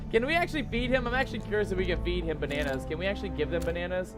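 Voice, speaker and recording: A man's voice: high voice, racing. A man hosting a gaming video, commentating in a playful, theatrical manner with bits of pirate slang. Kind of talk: excited gameplay commentary. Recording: loud game music behind the voice. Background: loud game music.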